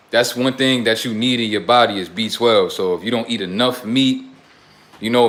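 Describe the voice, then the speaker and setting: Rambling through topic after topic, a young streamer lectures his chat like a self-made life coach, using loose street slang and a blunt, preachy manner. His mid-range voice has a slightly bright quality.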